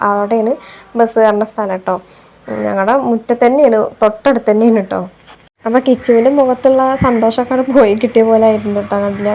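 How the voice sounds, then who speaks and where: A young Kerala mother's separately recorded voice-over walks through her chores in a chatty way, often closing sentences with a soft "you know." She has a mid-range voice, and a little hiss or hum can be heard.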